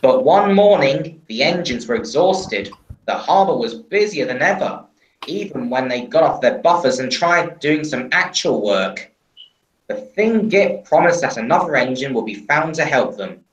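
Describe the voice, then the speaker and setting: Woman, storyteller, story reading, low voice, slow pace, echoey room. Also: lively intonation, highs cut off. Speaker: storyteller on a livestream.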